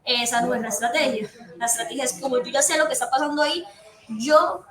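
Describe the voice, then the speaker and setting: A Colombian woman psychiatrist speaks fast in a high, steady voice, earnestly explaining things to patients' families and repeating her main points. Crowd noise is audible, and the room is echoey with faint background noise.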